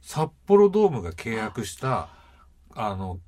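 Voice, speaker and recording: A man in his fifties chatting casually, animated, with laughs and sudden jumps in pitch when excited. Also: measured pace. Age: 50s. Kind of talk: casual chat.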